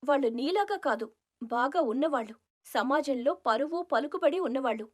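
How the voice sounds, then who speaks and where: A woman voicing a proud young village woman in an animated story, haughty and dismissive. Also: high voice, moderate pace, voice pushed up. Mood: scornful. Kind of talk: storybook cartoon voice acting.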